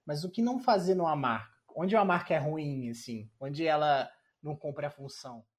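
A man's voice: fairly high pitch, moderate pace. Laid-back Brazilian man, slangy chat. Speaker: podcast co-host. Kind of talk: casual podcast chat.

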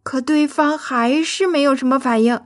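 A woman narrating a children's story in a lively, expressive way. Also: high-pitched, normal speed, faint music behind.

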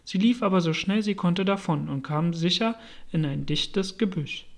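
A man narrating a storybook as an audiobook reader, in an even, measured way. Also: high-pitched, vocal fry.

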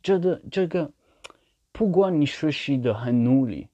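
A man speaking non-native Mandarin with a foreign accent, talking casually and haltingly as he searches for words and repeats phrases for emphasis. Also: on the high side, animated, mellow, no room sound. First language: not Mandarin. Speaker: language learner sharing his experience. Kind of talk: casual monologue in a learned language. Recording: dull, slightly lo-fi sound.

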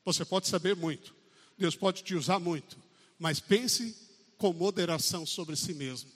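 High, bright man preaching, Brazilian accent, emphatic, church reverb. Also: unhurried, husky. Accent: Brazilian Portuguese. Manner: emphatic, calls out for amens, acts out quotes. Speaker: pastor. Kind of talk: sermon. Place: church service. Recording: long church hall reverb.

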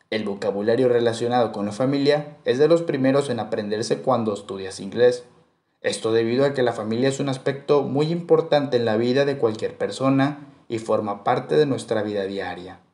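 A man teaching a beginner language lesson, reading out vocabulary slowly and repeating each word twice. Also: mid-range voice, darkish tone, reverberant. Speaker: English teacher. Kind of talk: slow instructional vocabulary drill.

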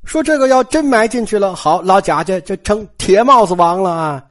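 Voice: medium pitch, lively intonation, moderate pace, faint music behind. A storyteller, telling a classic tale in colloquial style with asides to the listeners. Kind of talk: traditional oral storytelling.

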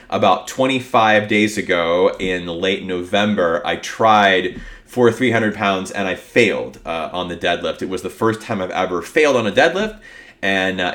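A man's voice: fairly low pitch, a bit bright. A man hosting a podcast solo in a casual, upbeat, conversational way, his voice affected by a cold. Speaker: podcast host.

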